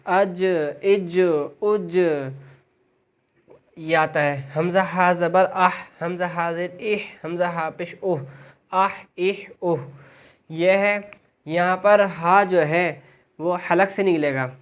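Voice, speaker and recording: A Quran reading teacher giving a step-by-step lesson, explaining each letter's rule plainly and then repeating the sounds slowly for the learner. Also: mid-range voice, steady tone. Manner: explains letter rules plainly, then drills them aloud.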